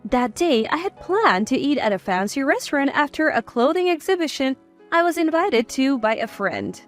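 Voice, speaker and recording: A woman in her sixties telling a first-person story in a measured, confiding way. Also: high-pitched, sing-song, soft background music. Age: 60s. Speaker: narrator.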